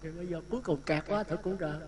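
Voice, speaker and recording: Male Buddhist monk, Southern Vietnamese accent, high voice, animated storytelling sermon, audience audible in the room. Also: fast, crowd noise. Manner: lively anecdotal telling, acts out dialogue. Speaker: Buddhist monk giving a dharma talk. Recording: talk with audience sounds behind. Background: listeners laughing.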